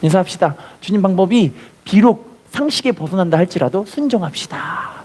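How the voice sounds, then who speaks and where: A man's voice: high-pitched, animated, brisk, darkish tone, slight background noise. A man preaching a sermon as pastor, telling a story and acting out its voices, then leading the congregation to repeat after him. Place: church.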